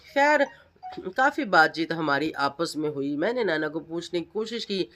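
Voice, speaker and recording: A woman's voice: low-pitched, lively intonation, moderate pace, fairly bright tone. A middle-aged woman, giving an emphatic reaction vlog commentary full of accusing rhetorical questions. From Pakistan. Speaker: vlogger.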